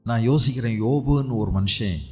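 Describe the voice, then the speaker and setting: A male pastor preaching a sermon with a Tamil Nadu accent, asking rhetorical questions and swinging between loud and soft. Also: moderate pace. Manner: animated, rhetorical questions, dramatic swings in pitch and loudness. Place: church prayer hall. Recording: long hall reverb with faint music.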